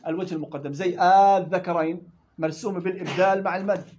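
A man teaching tajweed rules in a classroom lesson, explaining quickly and chanting verse examples in between. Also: high-pitched, fairly even intonation, darkish tone, dull audio. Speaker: Quran recitation teacher.

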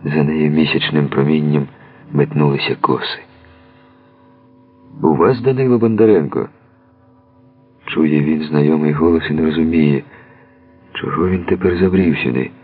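A man narrating a novel in a measured, expressive literary reading, heard on a tinny lo-fi radio recording. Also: a bass voice, husky.

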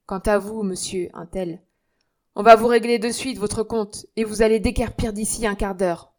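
A woman reading aloud voices a stern young man who gives orders and threatens in a loud, commanding tone. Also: medium pitch, fairly even intonation, normal speed, close to an everyday voice. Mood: menacing. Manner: commanding, menacing.

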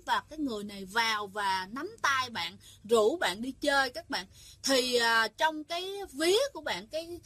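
A woman's voice: high voice, pushed and bright, husky, no room sound. A woman, telling a ghost story in a chatty, casual way and speaking directly to her listeners.

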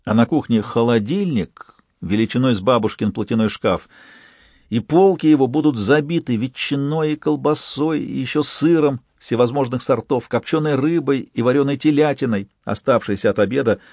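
A man narrating an audiobook in a lively, expressive storytelling manner. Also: medium pitch, moderate pace, no room sound, studio quality. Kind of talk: scripted narration.

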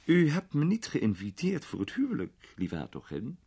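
A man voicing a flattering, playful young aristocrat in a storybook reading. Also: mid-range voice, normal speed, gravelly, husky, voice pushed up, exaggerated voice. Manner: flattering, teasing.

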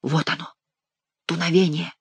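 A woman's voice: medium pitch, sing-song, fairly quick, no echo. A woman voicing a sly male court jester who mocks and nasally mimics the king. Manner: mocking, mimics the king's nasal whine.

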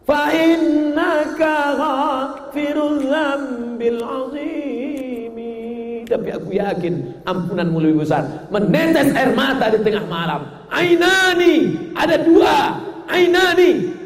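A man preaching a sermon with humor, chanting verses and then explaining them, rising to shouted emphasis. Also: sits high. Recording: echoey hall, faint noise.

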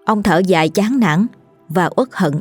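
A woman narrating a scripted horror story in a steady, measured way. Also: mid-range voice. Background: faint music.

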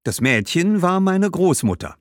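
A chatty, proud young market girl, played by a man in a storybook reading. The voice sits far above the reader's own, loud and eager, swinging widely in pitch. It is recorded dry and close. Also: big pitch swings, a little slow, dry recording. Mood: enthusiastic. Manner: enthusiastic, talkative, high-pitched. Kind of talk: storybook character voice.

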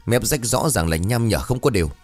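A man's voice: on the low side, animated, fairly quick, a little mellow, dry recording, faint music behind. A man voicing a village watchman who explains things firmly and confidently. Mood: assured. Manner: firm, explaining. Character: stout village watchman, sure of himself.

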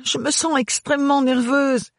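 A man's voice: extremely high pitch, little pitch movement, moderate pace, dry recording, studio quality, voice pushed up. A man voicing a shy, nervous young woman in an audiobook. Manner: anxious, hesitant.

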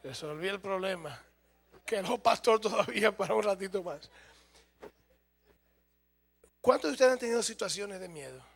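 High-voiced gravelly male preacher. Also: lively intonation, a little fast. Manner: humorous, speaks directly to the congregation. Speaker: pastor. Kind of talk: sermon.

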